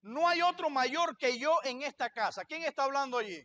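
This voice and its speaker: Male pastor, very high voice, preaching a sermon in church, asks questions and answers them himself. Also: lively intonation, moderate pace, sharp tone.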